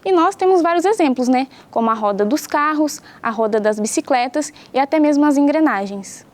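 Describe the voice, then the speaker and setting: A young woman teacher from Brazil, giving a patient home science lesson that explains things clearly and asks the pupils questions. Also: high-pitched, lively intonation, brisk.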